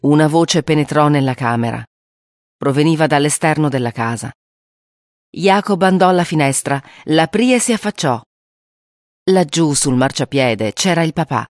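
Expressive storybook reader, dry close sound. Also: mid-range voice, moderate pace, dry recording. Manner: expressive, acts out the voices. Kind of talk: storybook read aloud.

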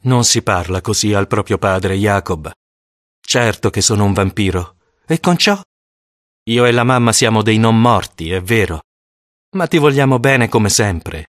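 A reader voicing an affable vampire father who coaxes his son, spoken low and persuasive. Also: lively intonation, measured pace, dry recording, clean studio sound, natural voice. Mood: coaxing. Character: vampire father, friendly and coaxing.

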